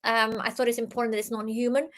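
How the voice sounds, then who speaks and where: A young woman gives a talk on innovation, her voice pitched a touch high. She speaks earnestly, stumbling over restarts and leaning on filler ums as she explains her ideas. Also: level tone, fast talker, a bit bright. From Iran, raised in the UK. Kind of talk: talk presentation.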